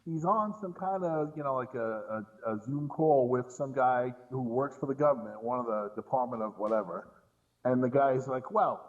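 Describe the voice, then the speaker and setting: Heard through lo-fi sound, a fairly high male voice belongs to a podcast guest discussing films casually. He's a film commentator with an incredulous, emphatic manner, and he keeps repeating words to stress them.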